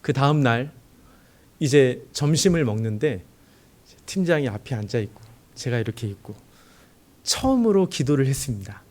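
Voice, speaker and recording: A man's voice: mid-range voice, normal speed, long pauses. A young man, a junior pastor, preaching in a church and telling his own story, acting out the dialogue as he goes. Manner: animated storyteller who acts out dialogue. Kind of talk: sermon with personal testimony.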